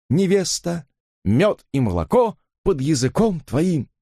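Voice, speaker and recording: A tearful, pompous preacher, as a male narrator puts him on, pleading in a high, trembling declamation. The voice swoops wildly through its range. The recording is close and dry. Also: no room sound, full character voice.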